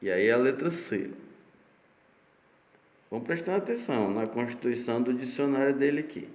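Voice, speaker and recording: A man's voice: mid-range voice, animated, darkish tone. A male teacher with a Brazilian Portuguese accent from Ceará, giving a remote lesson and explaining each point patiently, often checking in with "né?". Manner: slow, patient, explains step by step with frequent "né?". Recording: echoey room, dull lo-fi sound.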